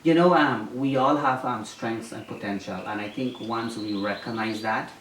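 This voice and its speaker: A man's voice: mid-range voice, normal speed, fairly bright tone. Guy from guyana in an interview, lots of ums n restarts, distant mic, faint hiss. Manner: hesitant, many ums and restarts. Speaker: interviewee, former mayoral candidate. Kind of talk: casual interview answers. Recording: roomy echo, distant mic, faint noise.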